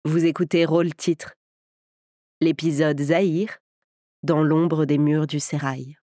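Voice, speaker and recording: A woman's voice: low-pitched, level tone, slow, dark tone, no echo, clean studio sound. A woman hosting a podcast, narrating a scripted story in a theatrical storyteller's way. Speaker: podcast host and actress. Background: music.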